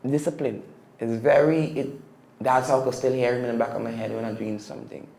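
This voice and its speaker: Caribbean man, podcast guest, gravelly, roomy room, faint ambience; reflective and emphatic. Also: medium pitch, steady tone, fast, warm tone. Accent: Caribbean English. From Caribbean (Statia). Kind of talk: casual storytelling interview.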